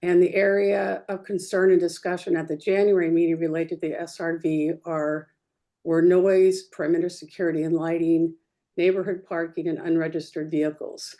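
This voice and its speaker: A woman's voice: fairly low pitch, flat delivery, normal speed, mellow. Woman on a clipping, distorted mic. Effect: clipping, distorted microphone. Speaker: neighborhood committee representative. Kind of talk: reading a committee report at a public meeting.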